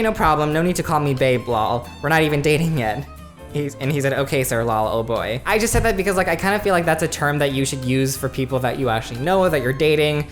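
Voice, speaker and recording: A man's voice: fairly high pitch, a bit bright. Chatty young man telling a story. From USA. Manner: chatty, lots of "like" and "you know", wry self-mocking asides. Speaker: vlogger. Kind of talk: casual storytelling to camera.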